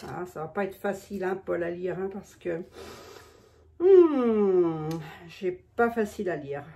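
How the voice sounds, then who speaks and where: A woman's voice: lowish voice, lively intonation, a little slow, creaky, mellow. A woman with a lisp, slushy sh for s and slightly impeded articulation, chatting casually and self-mockingly to subscribers in an unboxing vlog, often repeating her phrases. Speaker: video creator addressing her subscribers.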